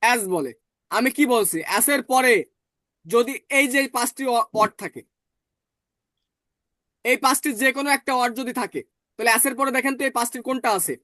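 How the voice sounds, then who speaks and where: A man teaching German in an online class, explaining patiently and slowly repeating words. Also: very high-pitched, sharp tone, no echo, studio quality.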